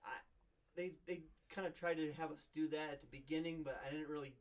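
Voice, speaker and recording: A man, a guest car builder, explaining things in a relaxed, halting way with stuttering restarts. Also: a little high, distant mic. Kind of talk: casual panel chat.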